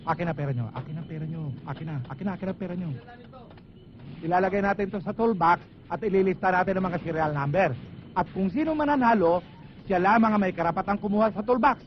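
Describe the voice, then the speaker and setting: An actor in a comedy film playing a young man who quickly takes charge of the money. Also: high voice, dull audio, a little hiss or hum, natural voice. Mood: brisk.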